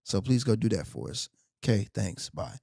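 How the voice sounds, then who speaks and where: A man from co-hosting a podcast, joking around in relaxed slang. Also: fairly low pitch, normal speed, creaky, breathy edge, no echo, clean studio sound. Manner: laid-back, joking slang. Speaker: podcast co-host. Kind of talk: casual chat.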